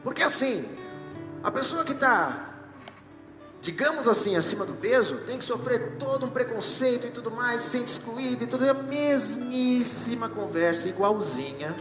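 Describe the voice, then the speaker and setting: A man's voice: very high voice, animated, normal speed. A man with a Brazilian Portuguese accent preaching a sermon as pastor, chatty and joking, with asides to the congregation. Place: church hall. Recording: echoey church hall with music. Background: music.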